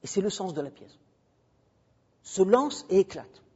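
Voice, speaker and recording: A guest lecturer speaks into a handheld mic at a university, emphatic and prone to digressions as he chats freely with the audience. His male voice sits high and sounds expressive, unhurried, slightly mellow and husky. The lo-fi recording is dull, with a long hall reverb.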